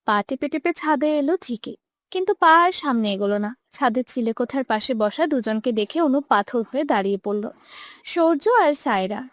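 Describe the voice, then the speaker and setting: A woman's voice: high voice, lively intonation, moderate pace, dry recording. A young woman narrating a romantic audio story with emotive, dramatic delivery. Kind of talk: scripted narration.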